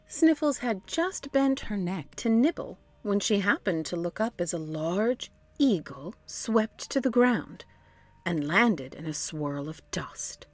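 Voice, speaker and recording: A children's storybook is told by a woman whose medium-pitched voice carries an expressive, deliberate storytelling quality, with no echo.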